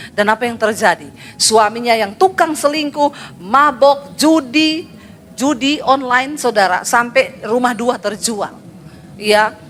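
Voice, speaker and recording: High-voiced animated woman preacher. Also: slight background noise. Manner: animated, acts out dialogue, teasing humor. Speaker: pastor. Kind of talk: sermon.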